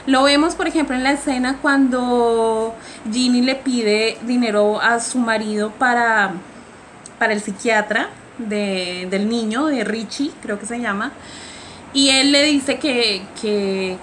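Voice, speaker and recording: A woman's voice: on the high side, fairly bright tone, slight background noise. A woman giving a film analysis presentation, talking hesitantly with frequent fillers and restarts. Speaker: student presenter.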